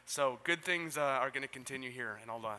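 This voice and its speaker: Male pastor, very bright tone, conversational and lightly humorous; reverberant hall. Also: mid-range voice, a little fast, slight background noise. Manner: warm conversational, gently humorous. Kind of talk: sermon and church announcements. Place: church hall. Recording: reverberant hall, faint ambience.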